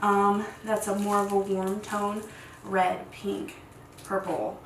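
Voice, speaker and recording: A woman's voice: mid-range voice, level tone, takes it slowly. Chatty woman, echoey distant room. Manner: chatty, rambling, laughs often. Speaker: content creator teaching lighting. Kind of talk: casual tutorial. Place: home room set. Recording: echoey room, distant mic, faint hiss.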